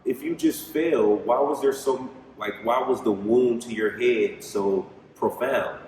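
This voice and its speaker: A man's voice: medium pitch, measured pace, a little mellow. A man hosting a paranormal investigation, asking unscripted questions aloud to spirits and repeating them patiently. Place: large indoor theatre lobby. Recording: very echoey hall, distant mic, noisy.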